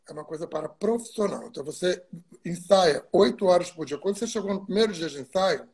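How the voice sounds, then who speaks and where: A man's voice: high voice, darkish tone, slightly rough. A man from Brazil, a guest stage actor in a video-call interview, recalls his work at length with asides and digressions. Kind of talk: reflective interview storytelling.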